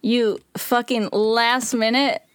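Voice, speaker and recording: A woman's voice: fairly high pitch, level tone, takes it slowly, clear, resonant tone. A woman co-hosting a podcast in casual chat, playful and teasing, swearing now and then. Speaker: podcast co-host.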